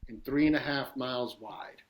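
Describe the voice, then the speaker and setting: A man with a mid-range voice and a New York street accent, originally from East New York in Brooklyn, tells stories as a guest artist on a laid-back podcast. Speaking at normal speed, he rambles, curses, and stays animated.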